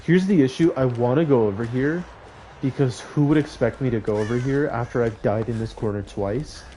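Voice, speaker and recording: A man's voice: medium pitch, normal speed, mellow, a little hiss or hum. Joking young man streaming a game. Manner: joking, talks to chat while playing, laughs often. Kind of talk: casual gaming stream chat.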